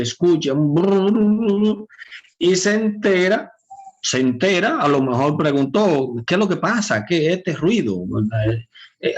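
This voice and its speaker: A man giving a catechism talk who repeats key words and asks his listeners questions. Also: mid-range voice. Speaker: catechism teacher.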